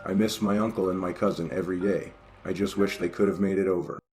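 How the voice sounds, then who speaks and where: A man with a very low voice narrates horror stories in a steady, even read. Faint music plays quietly beneath him. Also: fast talker, poor audio. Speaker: story reader. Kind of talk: scripted horror story narration.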